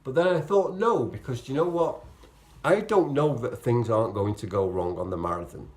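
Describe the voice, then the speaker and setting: A man with a mid-pitched voice chats informally to camera in vlog style. His explanations ramble and double back as he corrects himself, often acting out what he was thinking. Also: moderate pace, a little mellow. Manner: rambling, self-correcting explanations with acted-out quotes of own thoughts. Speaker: vlogger, amateur marathon runner. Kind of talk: casual, chatty vlog to camera.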